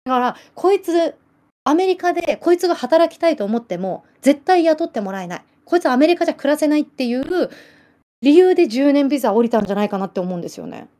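A woman in her late thirties hosts a livestream, chatting casually with viewers in a Nagasaki island accent. Her voice is bright and high and she talks fast, reading their comments aloud, giggling often, and telling animated stories.

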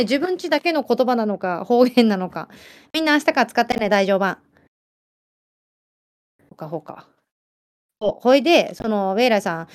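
A woman with a Kyushu accent chatting casually as a livestream host, lively and laughing often while answering viewer comments. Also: on the high side. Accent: Kyushu Japanese. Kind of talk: casual chat.

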